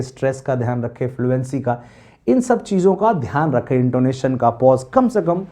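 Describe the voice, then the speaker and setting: A man's voice: fairly high pitch, dark tone. A young man, lecturing as a teacher preparing students for a teaching exam, asking questions and answering them himself.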